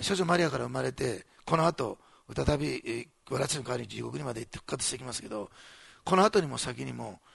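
A man preaching a sermon as pastor, animated and repeating phrases for emphasis, joking with the congregation. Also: on the high side, vocal fry, husky, no echo.

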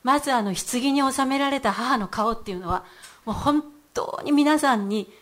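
A woman's voice: high-pitched, moderate pace. A middle-aged woman giving a heartfelt church testimony in an earnest voice, with frequent hesitant fillers.

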